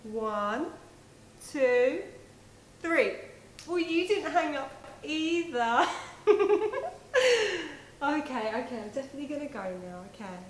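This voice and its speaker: A woman's voice: fairly high pitch, lively intonation, rapid-fire, few pauses, a little mellow, natural voice. A woman playing a lovestruck young woman who giggles and gushes about her boyfriend. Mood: giggly. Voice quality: giggly, gushing. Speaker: sketch character. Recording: roomy echo, faint noise.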